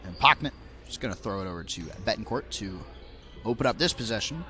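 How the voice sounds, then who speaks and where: A young man calling basketball play by play in a rapid, auctioneer-like patter that rises on big plays. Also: on the low side, lively intonation. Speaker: play-by-play commentator.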